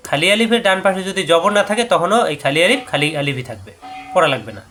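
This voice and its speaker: Man, first language Bengali, Quran recitation teacher, tajweed lesson, bright clear tone, long drawn-out example words, quick explanations. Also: fairly high pitch, very animated, a little hiss or hum. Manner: stretches the example words slowly, then explains the rule quickly.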